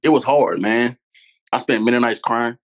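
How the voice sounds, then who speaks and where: He's a man in his 20s from Louisiana, US, speaking at normal speed in a mid-range voice. On the podcast where he's a guest, he tells stories candidly and earnestly, repeating himself for emphasis.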